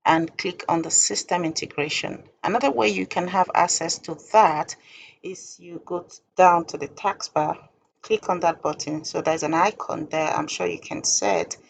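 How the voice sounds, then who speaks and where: A woman explains a software process step by step, her voice low and creaky, her delivery casual yet halting and careful. Faint background noise can be heard, and the recording quality is poor.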